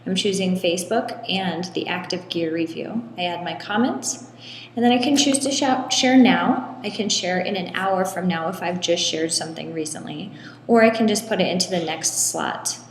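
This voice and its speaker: A woman's voice: lowish voice, normal speed. Woman in an echoey hall-like room. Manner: relaxed, explains step by step with frequent ums. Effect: echoey room with long hall-like reverb. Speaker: tutorial presenter. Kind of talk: screen walkthrough tutorial. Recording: echoey room, long reverb, faint room noise.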